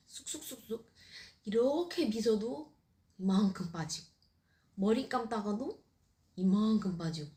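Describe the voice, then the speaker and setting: A woman's voice: mid-range voice, darkish tone. A middle-aged woman telling her own story in a candid, lightly humorous way, speaking casually to the camera. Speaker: cancer patient vlogger.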